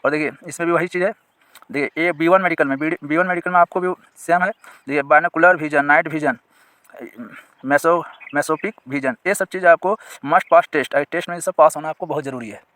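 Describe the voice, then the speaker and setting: A man's voice: on the high side, a bit bright, no room sound. Man explaining a job notice, dry sound. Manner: reads out notice clauses slowly, then explains them plainly; asks viewers questions and points them to sections on screen. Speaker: exam-prep teacher.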